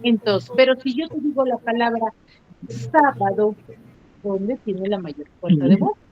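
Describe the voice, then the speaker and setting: A woman's voice: fairly high pitch, expressive, normal speed. A woman teaching an online class, quizzing pupils and stretching out syllables for emphasis, heard over a video call mic. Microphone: computer mic on a video call. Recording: slightly muffled online call audio.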